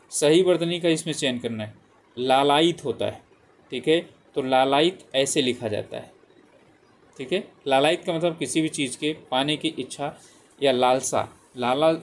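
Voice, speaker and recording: A man's voice: fairly high pitch, a little hiss or hum. A male teacher going through spelling exam questions one by one, repeating the answer options and often checking in with "ठीक है". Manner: repetitive, keeps saying "ठीक है" and reading options aloud. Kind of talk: exam-prep lesson walking through multiple-choice questions.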